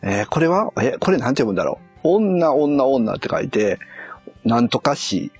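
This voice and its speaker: A man's voice: mid-range voice, big pitch swings, moderate pace, a little mellow, husky, faint music behind. A man on a casual live stream, muttering and puzzling aloud as he reads a kanji quiz and corrects himself.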